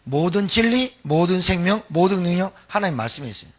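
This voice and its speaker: A man's voice: high voice, lively intonation, brisk. A middle-aged male pastor preaching a sermon, emphatic and repetitive, firing questions at the congregation and having them repeat after him.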